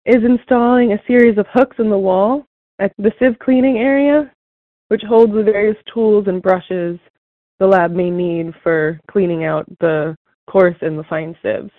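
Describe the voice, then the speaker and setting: A woman with a fairly low voice reads out prepared tips calmly and in a measured way. Her voice comes through a tinny, phone-like line with a very dry sound. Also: dry recording. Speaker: staff guest sharing tips.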